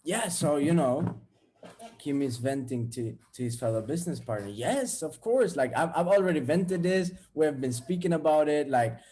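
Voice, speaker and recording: A man's voice: on the high side, lively intonation, moderate pace, dark tone, slight background noise. A young man, talking casually and bluntly to viewers, swearing freely as he tells a story. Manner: candid, blunt and profane. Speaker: vlogger.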